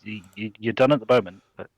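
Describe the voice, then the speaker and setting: A man's voice: fairly low pitch, dry recording, dull audio. A man playing a tabletop game, speaking casually in a polite, amused way. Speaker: player.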